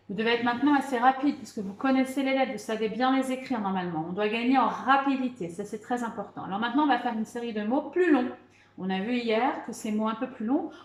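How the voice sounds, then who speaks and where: A woman teacher with a fairly high voice leads a spelling lesson, slow and patient, calling out letters one at a time. Her voice rings a little in an echoey room. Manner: encouraging, repeats "d'accord" and "très bien". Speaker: primary school teacher. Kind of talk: remote spelling lesson for children.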